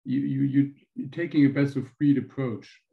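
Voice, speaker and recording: A man with a German accent asking a question, halting and restarting as he searches for words. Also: medium pitch, steady tone, creaky, narrow, tinny audio. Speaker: audience member asking a question.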